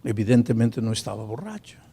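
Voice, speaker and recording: A male pastor telling a story in a sermon, swinging from hushed to loud. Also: on the low side, sing-song, fairly quick, husky, in a large hall.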